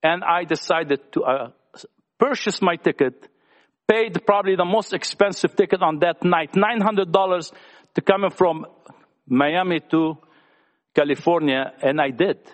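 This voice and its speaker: A man's voice: high-pitched, a little slow. A man sharing his personal testimony at a church gathering, talkative and earnest as he speaks to young people. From Lebanon. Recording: echoey hall.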